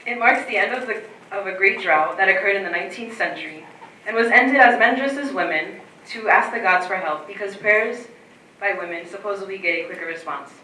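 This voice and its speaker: Young woman reading a talk, bright tone, echoey and far from the mic. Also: mid-range voice, fairly quick, slight background noise. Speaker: student presenter. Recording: roomy echo, distant from mic.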